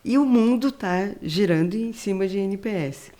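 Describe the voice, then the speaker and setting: A woman's voice: medium pitch, lively intonation, normal speed, warm tone. A woman from Brazil hosting a podcast interview, agreeing with her guest and searching for words as she talks. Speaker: podcast host.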